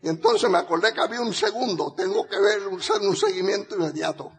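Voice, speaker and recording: An older man giving a lively motivational speech, telling stories to an audience, laughing often and rising to rallying shouts. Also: sits high, fast, breathy edge. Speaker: motivational speaker. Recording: reverberant hall.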